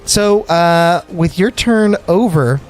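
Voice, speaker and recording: A man's voice: high-pitched, slow. A man acting as game master, narrating a tabletop game in a conversational way. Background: background music.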